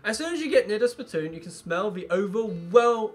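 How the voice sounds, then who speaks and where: A man's voice: high-pitched, animated, brisk. A man with a British accent livestreaming a game, chatting informally with swearing and reading game text aloud. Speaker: game streamer. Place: indoor streaming room. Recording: livestream with background noise.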